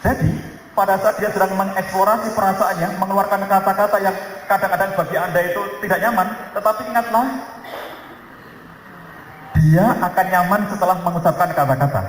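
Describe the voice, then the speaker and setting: A male preacher from Indonesia gives a lively family seminar in a large hall, speaking through a PA mic. His voice sits fairly high and chats with the crowd, teasing them as he acts out little dialogues. The sound is strongly echoey with a long reverb tail and faint noise underneath. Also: fairly quick. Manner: conversational, teasing the audience, acts out quoted dialogue.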